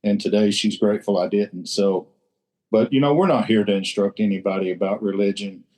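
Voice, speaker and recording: This recovery group member's voice is on the low side, fairly quick and a little mellow. His casual roundtable share is blunt and salty, peppered with swearing and repetition for emphasis.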